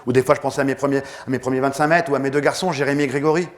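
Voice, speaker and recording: A man's voice: medium pitch, steady tone, very fast. A man giving a motivational talk, telling his story vividly and acting out the scenes. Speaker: motivational speaker.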